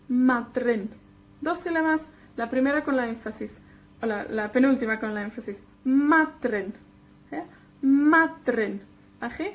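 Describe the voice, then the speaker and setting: A woman from Wales whose first language is Welsh, teaching a patient beginner language lesson and repeating words slowly with frequent check-ins. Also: sits high.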